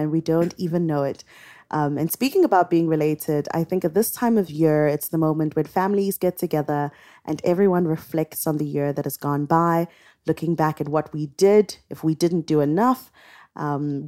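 A young woman co-hosting a podcast, chatting in a bubbly, expressive way. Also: sits low, moderate pace. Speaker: podcast co-host. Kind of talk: casual podcast chat.

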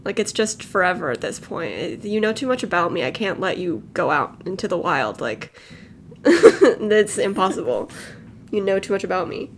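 A woman's voice: fairly low pitch, sing-song, normal speed, a little hiss or hum. A nineteen-year-old woman from California, co-hosting a podcast in a casual, rambling chat full of "like" and "um". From Los Angeles, California. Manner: rambling, filler-heavy, lots of "like" and "um". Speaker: podcast co-host. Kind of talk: casual chat among friends. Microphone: home podcast mic, lo-fi.

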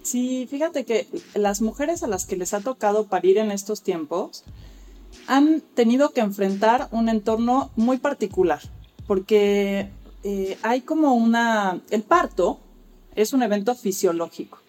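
A woman's voice: a little high, animated, measured pace, darkish tone. A woman, speaking as an expert guest and explaining childbirth care in an articulate, lecturing way. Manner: articulate, lecturing, acts out quoted dialogue. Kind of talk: explanatory interview talk.

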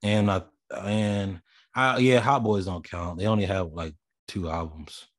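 A man's voice: deep voice, fairly even intonation, measured pace, dry recording, clean studio sound. A man from Tennessee co-hosting a podcast, laid back until he disagrees, then heated and profane. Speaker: podcast co-host. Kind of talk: casual debate about rap.

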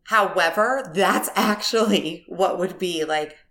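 A woman's voice: lowish voice, slow, a bit bright. Giggly rambling woman podcast host. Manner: candid, giggly, rambling with many "like"s. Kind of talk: casual chat.

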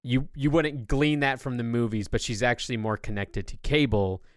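A man's voice: mid-range voice, steady tone, moderate pace, no room sound, studio quality. A man hosting a podcast, explaining things at length in a casual, enthusiastic way. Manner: long-winded enthusiastic explaining. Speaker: podcast host. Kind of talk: casual chat.

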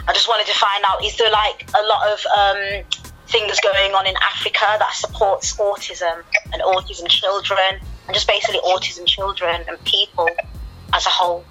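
A woman's voice: mid-range voice, fairly even intonation, moderate pace, sharp tone, soft background music, rough recording. A woman hosting a radio interview, asking questions with enthusiastic, encouraging remarks. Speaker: radio host.

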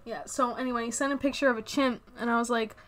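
A woman's voice: on the high side, steady tone, quick pace. A young woman in casual chat, teasing her sibling, laughing often and swearing freely. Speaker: co-host.

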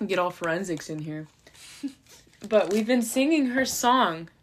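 A young woman in a relaxed comedic chat, her voice sitting at an ordinary middle pitch. She rambles, giggles and jokes her way through stories with a friend. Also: measured pace, a little hiss or hum. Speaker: co-host.

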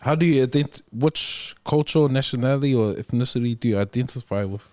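A male podcast host asks his questions in a loose, halting way, with plenty of pauses. His voice sits at a middling pitch. The recording is dry and close. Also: no echo. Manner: relaxed, hesitant questions full of ums. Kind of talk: casual podcast chat.

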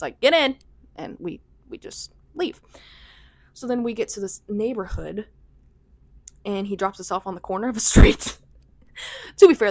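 A woman's voice: mid-range voice, no echo. Young adult American woman, vlogger, chatty storyteller, mid-range voice, dry close recording. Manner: chatty, filler-heavy with frequent "like", laughing asides. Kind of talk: casual storytelling.

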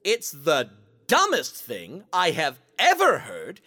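A man playing a sarcastic, self-serving rogue supervillain in an audio drama, with a dramatic, drawn-out delivery. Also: a little high, huge pitch swings, bright, forceful tone, slightly rough, exaggerated voice. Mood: scornful. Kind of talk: theatrical audio drama acting.

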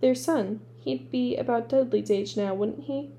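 A woman's voice: fairly high pitch, a little slow, mellow, a little hiss or hum. Woman voicing a nervous stuffy husband. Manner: hesitant, mumbling.

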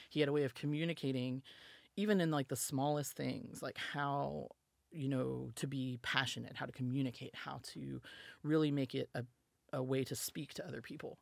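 A woman's voice: rumbling low, gravelly, darkish tone, dry recording. A woman from Alabama, a musician and podcast guest, telling her story in a chatty, filler-heavy way and acting out quotes. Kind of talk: casual storytelling interview.

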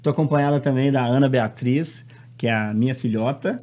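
A man's voice: mid-range voice, brisk, darkish tone. A middle-aged man with a Brazilian accent, hosting a podcast in a casual, informal style. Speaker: podcast host.

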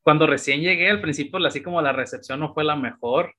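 A Mexican man in his thirties talks through his past as an interview guest. His voice is bright and forward, and he keeps a loose, chatty flow full of little fillers. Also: a little high, fast. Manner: relaxed storytelling with many fillers. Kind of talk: casual interview chat.

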